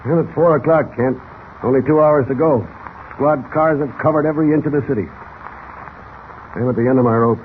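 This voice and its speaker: An actor playing a gruff, curt, commanding police commissioner in an old radio serial. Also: male voice, mid-range voice, fairly quick, long pauses, close to an everyday voice. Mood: weary. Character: gruff, weary police commissioner, grown man. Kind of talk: 1940s radio serial acting. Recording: tinny, band-limited old radio with hiss.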